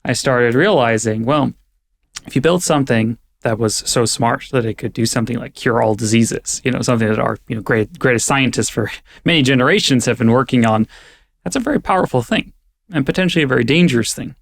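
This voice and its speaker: A young AI safety advocate from California, raised partly in Germany, appears as a podcast guest and explains ideas thoughtfully and conversationally, using frequent fillers. His medium-pitched voice is brisk and creaky.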